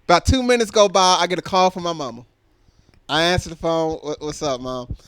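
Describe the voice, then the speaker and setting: A man's voice: fairly high pitch, brisk, smooth. A young man with a Southern US accent, co-hosting a comedy podcast and telling a story with a lot of laughter and slang. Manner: animated, laughs often, says "bro" and "type shit". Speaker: podcast co-host.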